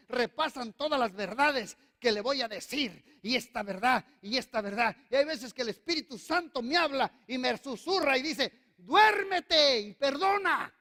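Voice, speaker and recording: A male pastor with a very high, slightly bright voice preaches emphatically and has the congregation repeat after him. The recording carries the long reverb of the church hall where he speaks.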